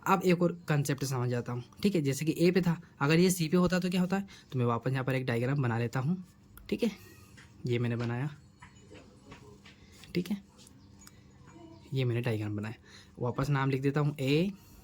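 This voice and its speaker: A man's voice: mid-range voice, normal speed, long pauses, darkish tone. A man teaching a math lesson at a board, who keeps asking his students questions and answering them himself. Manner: repeats questions to the students, coaxing.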